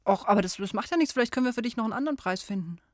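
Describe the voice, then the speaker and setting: A woman's voice: on the high side, expressive, rapid-fire, no echo, studio quality. A woman hosting a children's call-in quiz on the radio, friendly and encouraging with young callers. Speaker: radio show host.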